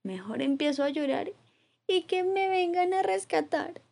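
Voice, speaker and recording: A woman voicing a dramatic young girl stuck up a tree, thinking aloud in a hushed storybook voice. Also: extremely high pitch, animated, measured pace, vocal fry, voice pushed up, heavily acted. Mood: fretful.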